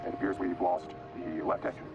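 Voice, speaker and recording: A man playing an airline captain making announcements to passengers over the cabin intercom, in a flat, matter-of-fact way with hesitant pauses. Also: sits low, muffled recording, loud music behind the voice. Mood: deadpan. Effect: airplane cabin intercom. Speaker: pilot addressing passengers.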